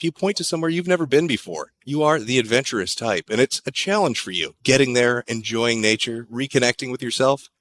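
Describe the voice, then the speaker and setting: A man's voice: mid-range voice, a bit bright. A man narrating a campfire horror tale in second person, dry and sardonic, with crude joking asides.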